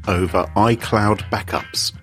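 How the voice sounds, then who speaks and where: A man's voice: fairly low pitch, fairly even intonation, takes it slowly, a bit bright, soft background music. A man co-hosting a podcast, teasing his co-hosts in playful, casual banter. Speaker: podcast co-host.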